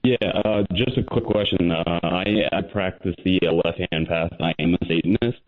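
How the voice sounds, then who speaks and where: A man calling in to a radio talk show over a glitchy, breaking-up phone connection, speaking haltingly. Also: sits low. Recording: tinny, dropping-out phone line.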